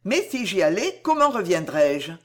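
A woman's voice: on the low side, very animated, moderate pace, a bit bright. A woman reading an audiobook, voicing a distressed, earnest young heroine in a raised, urgent, pleading voice.

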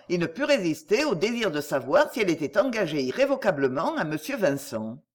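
A woman narrates a classic novel in the manner of an audiobook. Her reading is measured and expressive. Her pitch moves widely across each sentence. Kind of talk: scripted narration.

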